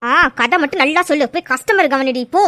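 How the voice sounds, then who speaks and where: A bossy middle-aged shop madam from a cartoon, voiced by a woman, forever scolding her staff. Her voice is high, sharp and rapid, recorded close and dry. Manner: shrill, scolding. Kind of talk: cartoon dialogue.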